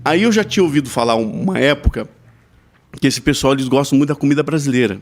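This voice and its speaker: A man with a Brazilian accent, a pastor who is a podcast guest, telling a lively anecdote in casual conversation and tagging his sentences with frequent "né?". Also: mid-range voice, fast. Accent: Brazilian Portuguese. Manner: lively storyteller, mimics the people he quotes, frequent "né?" tags.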